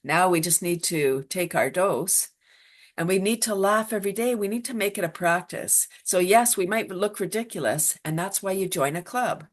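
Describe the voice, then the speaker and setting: Animated laughter yoga teacher, woman. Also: lowish voice, moderate pace. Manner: animated, laughs often, acts out voices. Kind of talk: enthusiastic interview talk.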